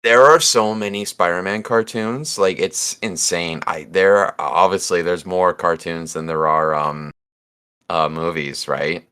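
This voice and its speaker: A man with a deep voice and a bright, clean tone talks in a loose, rambling way. He shares stories in a casual podcast chat. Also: steady tone, a little slow, clear, resonant tone. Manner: rambling, laughs at own stories. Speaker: podcast co-host.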